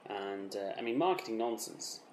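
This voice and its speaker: Man playing a low-voiced, self-important British razor developer. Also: close to an everyday voice. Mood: defensive. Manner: halting, repetitive, earnest deadpan boasting. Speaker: interviewee. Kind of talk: mock documentary interview, improvised-sounding monologue. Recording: roomy echo with faint background noise.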